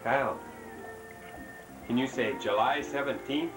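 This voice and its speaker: A man's voice: medium pitch, unhurried, roomy sound, over music, low-quality recording. Father prompting his toddler, old camcorder audio. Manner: prompting the child with questions. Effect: old 1980s camcorder audio. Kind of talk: casual home-video chat with a toddler.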